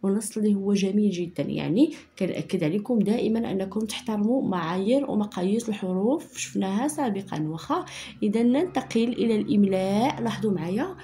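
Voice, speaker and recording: Woman, Moroccan Arabic accent, primary teacher, patient, repetitive, slow dictation, mellow voice. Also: medium pitch, lively intonation, slight background noise. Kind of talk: online lesson explaining handwriting and spelling.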